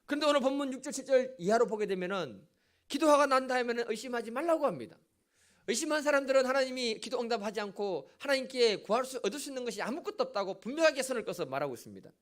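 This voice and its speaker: A man's voice: very high-pitched, fast. A middle-aged male pastor preaching a sermon in a church, telling a story with asides to the congregation. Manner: animated storytelling with audience asides. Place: church sanctuary.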